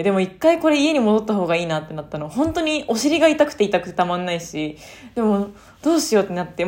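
A young adult woman telling a personal mishap story alone in a casual monologue, acting out sounds as she goes. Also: medium pitch. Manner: animated, sound-effect-laden retelling. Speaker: solo radio talker.

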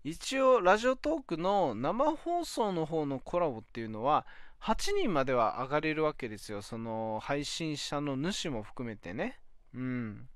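A man's voice: on the high side, big pitch swings, a little slow, clean tone, no room sound, clean studio sound. A young man hosting his own talk podcast, rambling casually with lots of fillers and self-deprecating laughs, recorded on a phone app. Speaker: podcast host.

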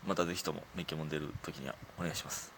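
A comedian with a Kansai accent hosts his own talk show, chatting casually alone on the radio, poking fun at himself and laughing often at his own stories. His voice is extremely low and steady, a bit bright, and races along, with a little hiss or hum.

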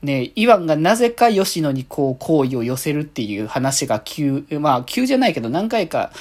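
Alone on his podcast, a man shares his thoughts on an anime episode, polite yet conversational, often trailing off into soft sentence-ending particles. His voice is slightly high with wide pitch swings and a moderate pace.

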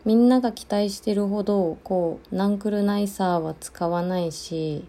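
A woman in her thirties from Okinawa hosts her own solo talk show. Her voice is very dark and mellow, with a middling pitch. She chats loosely, often pausing on fillers as she searches for words. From Okinawa, Japan. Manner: chatty, many fillers and pauses. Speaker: podcast host.

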